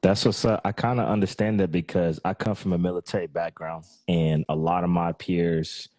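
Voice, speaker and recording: Low-voiced, mellow podcast host. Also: male voice, flat delivery, normal speed, no room sound. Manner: laid-back, friendly, many fillers. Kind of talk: casual interview chat. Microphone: remote call microphone.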